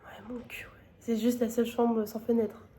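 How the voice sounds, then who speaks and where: A woman's voice: a little high, level tone, moderate pace, dark tone, slightly rough. A woman in her twenties, a student, chatting bluntly and casually in a vlog with lots of slang. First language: French. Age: 20s. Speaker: student vlogger.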